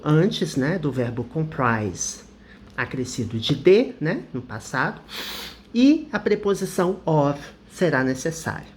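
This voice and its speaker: A Brazilian woman teaching English vocabulary, who reads her example sentences slowly and carefully. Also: low voice, a little hiss or hum.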